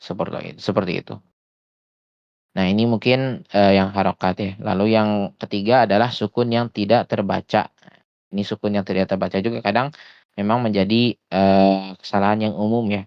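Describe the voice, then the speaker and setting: A man gives an online Quran recitation lesson in a low, smooth, resonant voice. He explains patiently, pausing on small hesitations and slowing down to demonstrate sounds. The audio is dry and a little dull, like lo-fi voice chat. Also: fairly even intonation, no room sound. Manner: often slows to demonstrate sounds. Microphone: voice chat headset or desktop mic.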